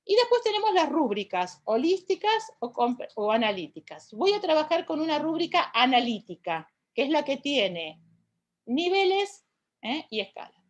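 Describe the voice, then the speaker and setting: A woman with an Argentine Spanish accent teaches an online class in an explanatory way. Her voice sits high and moves animatedly across a wide pitch range. She keeps checking in with her listeners through short tag questions. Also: sing-song, normal speed. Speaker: university lecturer.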